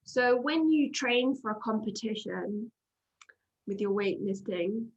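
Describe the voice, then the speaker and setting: A woman's voice: medium pitch, lively intonation, slow, dull audio. A woman interviewing a guest in a casual, conversational style.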